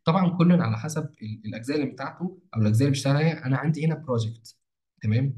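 Fast-talking Egyptian man explaining planning. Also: mid-range voice, warm tone. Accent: Egyptian Arabic. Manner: rapid, repetitive, with many false starts and stretched fillers. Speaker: marketing mentor. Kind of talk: casual screen-share tutorial.

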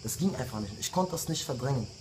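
His mid-range voice is lively in intonation, fast, and a little mellow as this rapper in his late twenties rants angrily at his rivals in a diss video message. The insulting tirade comes with repeated jabs and slight background noise.

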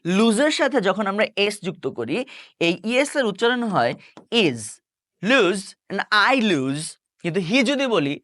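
A middle-aged man leads an online English lesson. His pitch swings widely as he walks through each point and checks in with the viewer. The sound is dry and close, with no room around it. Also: fairly bright tone, no room sound. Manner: explains step by step, asking the viewer rhetorical check questions. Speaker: English teacher.

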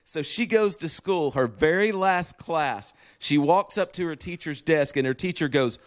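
A man's voice: fairly high pitch, measured pace, no echo, studio quality. A middle-aged man co-hosting a podcast from his office, telling stories with enthusiasm in casual chat. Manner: enthusiastic storyteller. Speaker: podcast co-host. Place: home office.

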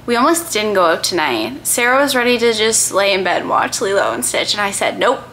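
A woman in her twenties chatting to a phone camera at arm's length in a hotel room, upbeat and quick with recommendations. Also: mid-range voice, big pitch swings, fairly bright tone, slight background noise. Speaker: travel vlogger. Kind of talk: casual vlog chat to camera.

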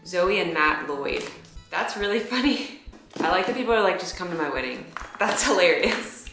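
Low-voiced young woman vlogger, echoey room. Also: animated, normal speed, a bit bright, soft background music. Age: young adult. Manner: wry, playful. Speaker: vlogger opening fan gifts. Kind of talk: casual chat to camera. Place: small plain indoor room.

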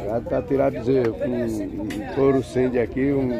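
A vlogger with a Brazilian Northeastern Portuguese accent tours an outdoor cattle fair, chatting on the spot and asking sellers their prices among crowded pens. His mid-range voice is creaky, fairly even and moderately paced, with crowd chatter and livestock all around.

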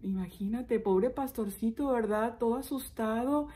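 Brief: woman storyteller for kids, animated and questioning, high voice. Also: a little slow, husky. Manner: animated, addresses kids directly, asks questions. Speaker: children's storyteller, teacher. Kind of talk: expressive read-aloud for children.

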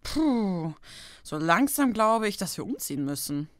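A woman voicing a brash, shameless, mischievous alicorn pony princess in a fan audio drama, blunt, teasing and expressive. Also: medium pitch, unhurried, no echo, clean studio sound. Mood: scheming.

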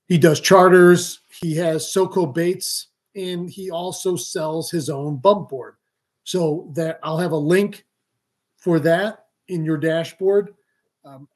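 A man with a fairly high, darkish-toned voice hosts a live fishing stream from a small room in his home. He explains things casually, talking with his hands and filling his speech with ums and restarts. It sounds like a webcam or laptop mic with video-call framing.

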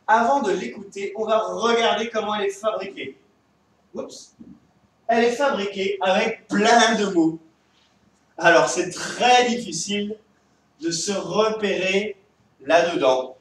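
A man's voice: high-pitched, measured pace, a bit bright, heavy reverb, distant mic, a little hiss or hum, poor audio. A man teaching a remote lesson to young children, with a French accent, talking in a patient, sing-song way. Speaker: kindergarten teacher.

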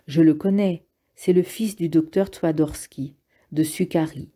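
A woman's voice: deep voice, fairly even intonation, unhurried, warm tone. A woman voicing a blunt, exasperated younger male partisan in an audiobook reading. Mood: curt, weary. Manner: curt, exasperated.

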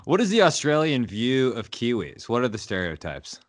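American podcast host, dry close sound. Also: male voice, medium pitch, sing-song, normal speed, dry recording. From United States. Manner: curious, joking questions. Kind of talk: casual interview chat.

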